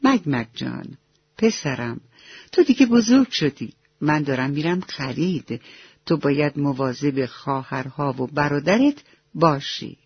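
A man's voice: a little high, animated, husky, no room sound. Man doing a tender, proud mother duck. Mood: instructing. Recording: dull lo-fi dry recording.

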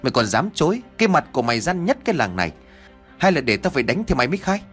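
A man voicing a gruff village man who harshly accuses and scolds. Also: medium pitch, sing-song, fast, soft background music, voice pushed up. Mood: angry. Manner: blunt, scolding.

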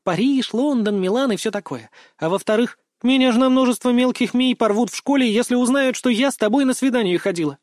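A man voicing a chatty, cheeky teenage schoolgirl who teases with rapid-fire questions in an audiobook. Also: very high voice, darkish tone, no echo, studio quality, voice pushed up. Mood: playful.

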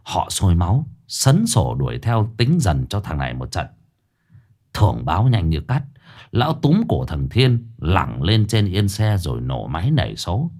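A man narrating a humorous ghost story in a brisk, lively storytelling manner. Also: low-pitched.

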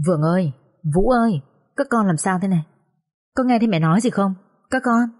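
A woman's voice: medium pitch, expressive, a little fast, darkish tone, lightly acted. Woman reading as a frantic mother calling out. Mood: anguished. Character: frantic mother, middle-aged woman, tearful.

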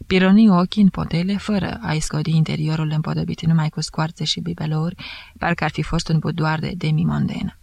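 Gravelly-voiced woman reading a novel. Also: deep voice, level tone, darkish tone, no room sound. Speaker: audiobook reader. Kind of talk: scripted narration.

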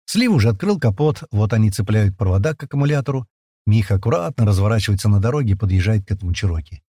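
A man narrates a first-person audiobook in a lively, casual, colloquial way, speaking rapid-fire with animated pitch that swings widely. The recording is dry and close, with no room sound and no echo.

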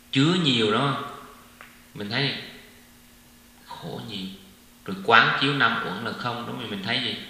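A man's voice: on the low side, sharp tone. A man giving an informal Buddhist dharma talk, chatty, often asking his listeners "right?" and mixing in English words. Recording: echoey hall with faint hum.

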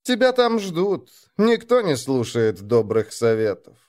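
A man voicing a sleepy, gruff older male chieftain in an audiobook, speaking in a slow, hoarse drawl. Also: mid-range voice, huge pitch swings, a little mellow. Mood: mocking. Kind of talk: audiobook character voice.

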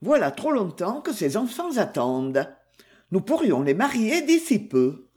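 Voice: mid-range voice, sing-song, measured pace, a little mellow. A reader doing an indignant old colonel. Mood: stern. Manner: clipped and indignant. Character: stern old male colonel, quick to anger. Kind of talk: audiobook character reading.

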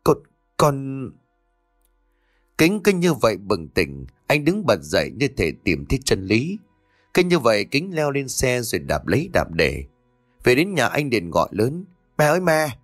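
A man narrating a ghost-story audiobook with expressive storytelling. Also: medium pitch, moderate pace, no room sound, studio quality, faint music behind.

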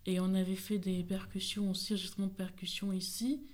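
A woman asking interview questions and recounting a project in a halting, casual way. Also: medium pitch, level tone, darkish tone. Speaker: resident interviewer. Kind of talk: conversational interview.

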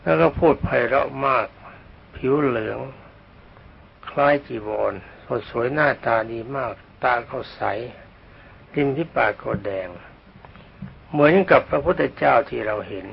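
An older man, a Buddhist monk, telling a slow dharma story, often clearing his throat, on a dull old recording. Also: medium pitch.

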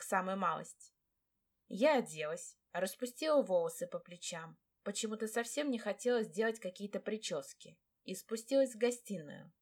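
A woman reading a first-person audiobook aloud in a lively, wry storytelling manner. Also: mid-range voice. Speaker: audiobook narrator.

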